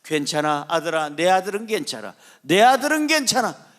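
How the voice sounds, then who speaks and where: A preacher playing a bitter, accusing son. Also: male voice, sits high, sing-song, moderate pace, a bit bright. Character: resentful grown son in prison.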